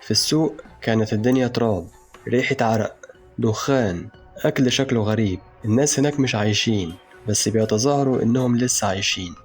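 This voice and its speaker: A man with an Egyptian Arabic accent narrating a dark first-person story in a slow, brooding, intense way. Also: medium pitch, soft background music.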